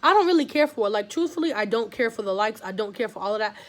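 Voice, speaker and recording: A woman's voice: on the high side, animated, fast talker. A young woman giving her opinions in a casual vlog, heated and rambling, with many likes and fillers. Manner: heated, talks in long run-on streams with many likes. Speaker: vlogger.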